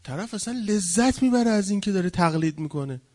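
A man giving a religious lecture, mocking people in quick put-on voices and swinging between loud and quiet. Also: sits high, animated.

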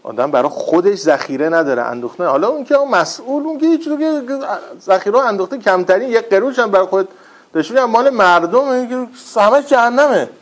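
A man preaching in a lively storytelling way, with rhetorical questions and wry humor. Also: sits high. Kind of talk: religious talk with retold stories.

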